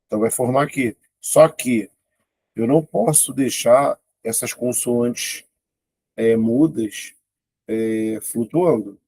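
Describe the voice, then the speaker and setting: A man's voice: mid-range voice, takes it slowly, a little mellow, slightly rough. A man teaching an exam-prep grammar lesson, talking informally and thinking aloud as he works through questions. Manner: informal, thinks aloud, exclaims at tricky items. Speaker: Portuguese teacher.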